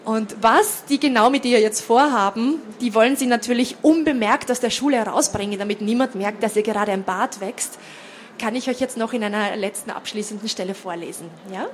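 A woman's voice: on the high side, fairly quick, slight background noise. A woman at a reading, casually explaining the story to her audience in a chatty way. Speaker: reader.

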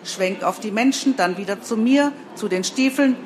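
A woman's voice: on the high side, a little hiss or hum, lightly acted. A woman voicing a bossy, self-important young female TV reporter who orders everyone around. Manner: commanding, brisk, self-important.

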